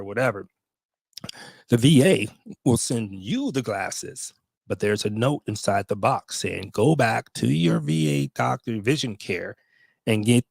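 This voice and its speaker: There's vocal fry in this man's lowish voice, and the recording has no echo. He's in his late fifties, a longtime vlogger talking casually to viewers on camera, full of fillers and false starts.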